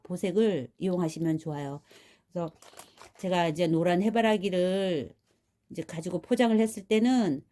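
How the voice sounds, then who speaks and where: A woman's voice: on the low side, mellow. A woman, a florist, giving a casual hands-on tutorial and chatting viewers through each step while she works. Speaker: florist demonstrating flower wrapping. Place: rural home.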